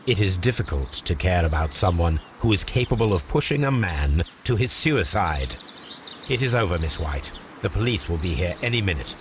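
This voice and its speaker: In the style of a video game cutscene, a Victorian English gentleman detective speaks in a low, very animated voice, precise, formal and supremely self-assured. He is calm and probing, talking at a normal speed, with background noise audible.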